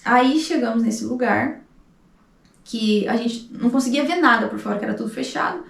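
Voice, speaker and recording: A woman's voice: a little high, moderate pace, creaky. A woman in her thirties with a Brazilian Portuguese accent, telling a personal story with emotion and acting out the dialogue. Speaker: vlogger. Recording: echoey room, distant mic.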